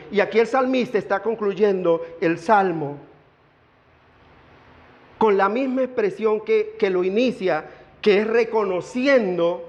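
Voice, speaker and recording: A man with a high voice preaches earnestly from the pulpit, stretching out words for emphasis. His voice rings through a large church space with a long echo. The recording sounds dull and lo-fi. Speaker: pastor. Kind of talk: sermon. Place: church sanctuary.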